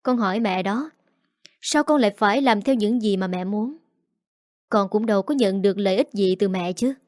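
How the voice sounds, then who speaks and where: A woman voicing a defiant, sharp-tongued young daughter-in-law who talks back in a cold, taunting way. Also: mid-range voice, normal speed, dry recording, clean studio sound, lightly acted.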